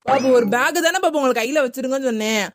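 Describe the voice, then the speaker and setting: A woman voicing a fast, nagging cartoon wife. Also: high-pitched, lightly acted. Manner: nagging, scolding. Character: nagging young wife who scolds her husband. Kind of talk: Tamil cartoon dubbing.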